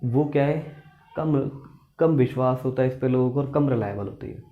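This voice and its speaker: A man's voice: medium pitch, moderate pace, narrow, tinny audio. A man teaching accountancy in a classroom lecture style, asking questions, repeating key points and mixing with English terms. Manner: explains by asking questions and repeating points, calls students "beta"; mixes Hindi with English terms.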